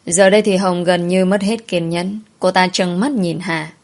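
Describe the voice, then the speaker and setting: A woman reading a story aloud in a calm, even scripted narration. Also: on the low side, moderate pace.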